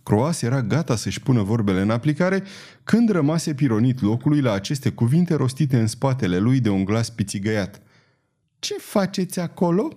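Male audiobook reader, mellow tone, lively pitch, expressive storytelling. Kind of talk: audiobook narration.

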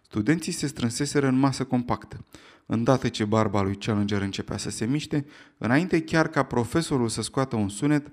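Male audiobook narrator, steady telling. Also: mid-range voice. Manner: steady storytelling delivery.

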